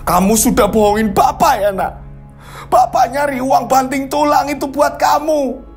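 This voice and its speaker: A man voicing a poor, hardworking father who talks high and strained. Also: moderate pace, darkish tone, soft background music, close to an everyday voice. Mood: furious. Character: hardworking poor father, furious then frail.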